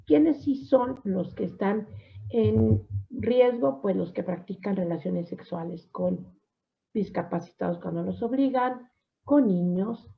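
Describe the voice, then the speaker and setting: Gravelly-voiced woman teacher lecturing. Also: medium pitch, slow. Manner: asks the class questions, affirms with "ujú". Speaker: psychology teacher. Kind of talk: online class lecture. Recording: dull lo-fi recording.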